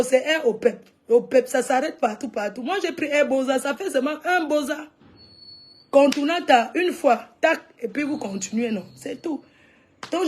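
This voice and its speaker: A woman with a Cameroonian French accent chatting live with her viewers, animated and exclamatory, calling out to them again and again. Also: high voice. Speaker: live streamer. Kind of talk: casual livestream chat with viewers.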